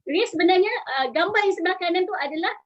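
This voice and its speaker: A woman in her forties with a Malaysian Malay accent, a salon owner giving an energetic live-stream talk and urging her viewers to join in, with English phrases mixed in. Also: very high voice, racing, dull audio. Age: 40s. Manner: energetic, urges the audience, mixes in English phrases.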